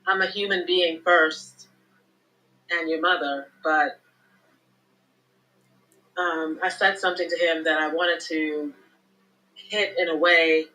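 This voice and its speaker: A mother phones in to a live show to confess something, speaking hesitantly and halting often with ums. Her voice is deep, steady, pushed and bright, and the audio quality is poor.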